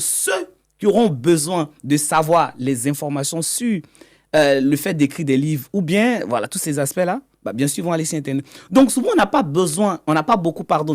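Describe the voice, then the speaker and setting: A man's voice: a little high, a little mellow. A man, a guest in an interview, explaining his work as an economic intelligence consultant. He often stumbles and repeats words mid-sentence.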